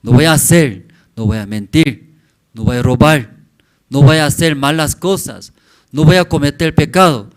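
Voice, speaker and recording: A man in his forties preaching a sermon in church. He speaks in short, halting phrases and keeps checking in with the congregation with questioning "mm?" tags. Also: fairly high pitch. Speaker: pastor.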